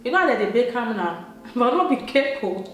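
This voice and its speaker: A woman's voice: on the high side, sing-song, a little fast. A young Nigerian woman with an Edo accent, chatting her way through a makeup tutorial in Pidgin English, laughing often. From Nigeria, Benin City, Edo State. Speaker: beauty vlogger. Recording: very echoey room, soft music behind.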